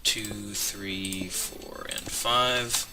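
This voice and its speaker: Over music, a man in his twenties speaks extremely slowly while hosting a Let's Play in a home room with a squeaky chair. His voice is lowish with fairly even intonation, and the mic is distant. Rambling through a joke, he interrupts himself mid-sentence to count aloud.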